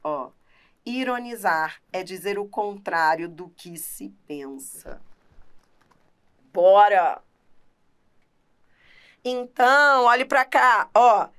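Professora brasileira animada e enfática. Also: female voice, medium pitch, very slow, long pauses, clean tone. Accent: Brazilian Portuguese. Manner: animated, emphatic, talks straight to the student. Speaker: teacher. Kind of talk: lively grammar lesson.

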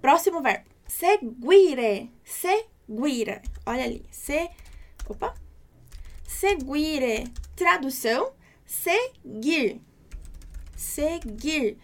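A woman with a Brazilian Portuguese accent teaching an online language class, patient, checking in often and slowing down to model phrases. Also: high-pitched, lively intonation. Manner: slows down to model foreign phrases. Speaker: Italian teacher.

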